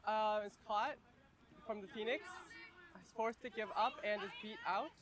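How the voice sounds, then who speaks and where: Play-by-play commentator, brisk calls, outdoor match. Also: medium pitch, steady tone, a crowd in the background. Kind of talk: live sports commentary.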